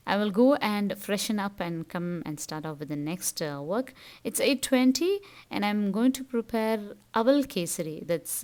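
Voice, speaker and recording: A woman's voice: medium pitch, a little mellow. A middle-aged woman from South India with a Tamil accent, casually narrating her cooking and chores step by step as a home vlogger. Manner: explanatory, step-by-step.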